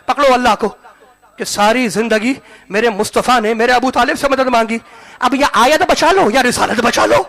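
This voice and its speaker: A man delivers a fiery sermon in a strikingly high, bright voice with a gravelly edge. He hammers his points with repetition, shouting out lines and then dropping to near-whispers. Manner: shouting, repetitive oratory, swinging between loud and hushed. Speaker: religious orator. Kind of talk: impassioned sermon. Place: mosque hall, live gathering.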